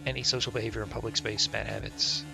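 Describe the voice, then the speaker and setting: In a low-quality recording, a man with a lowish, steady, creaky voice talks fast while live-streaming a game. He reads the game's text aloud over its music and throws in casual, sweary offhand remarks.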